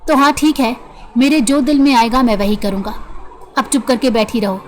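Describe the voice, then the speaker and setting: A woman's voice: fairly high pitch, moderate pace, lightly acted. A woman reading the part of a rude, irritable young man who talks harshly and sarcastically. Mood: irritated.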